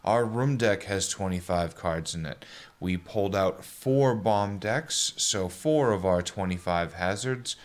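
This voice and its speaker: A man's voice: sits low, expressive, a little slow, echoey room. A man casually walking through the rules of a board game step by step, thinking aloud as he lays out cards. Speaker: game designer explaining a board game. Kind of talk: casual explanation.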